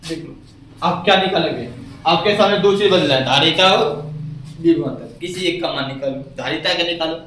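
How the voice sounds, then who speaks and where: A man's voice: on the high side, normal speed, fairly bright tone, a little hiss or hum. A man teaching a physics class, who keeps asking his students questions and repeating the key words back to them. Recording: echoey room, mic far off.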